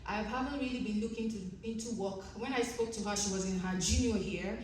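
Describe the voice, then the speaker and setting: Presenting earnestly at an academic conference, a Nigerian-accented woman whose first language is Yoruba speaks a little fast, often saying um and restarting. Her mid-range voice has a darkish tone, picked up by a distant mic in an echoey conference room with slight background noise.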